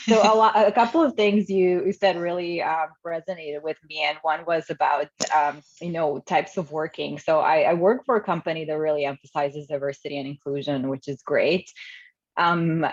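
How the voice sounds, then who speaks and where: On a video call, a Croatian woman attending a webinar asks a thoughtful, casual audience question, hedging and using many fillers. Her voice sits low, with a steady tone and moderate pace. The call audio is muffled and lo-fi.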